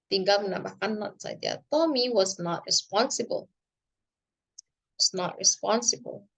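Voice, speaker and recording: A woman with an Indonesian accent teaching English grammar, explaining slowly and deliberately and switching between English and Indonesian. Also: medium pitch, creaky. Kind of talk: online grammar lesson.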